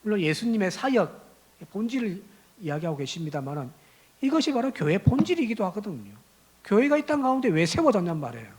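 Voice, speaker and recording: A male pastor preaching a Sunday sermon in a church sanctuary, driving his points home with rhetorical questions and swinging from quiet asides to loud, rising exhortation. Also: high-pitched, very animated, fast.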